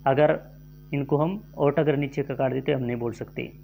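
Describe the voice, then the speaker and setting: A man teaching a grammar lesson for exam prep, reading out quiz questions and options, then explaining each answer slowly. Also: mid-range voice, fairly even intonation, creaky, dark tone, a little hiss or hum.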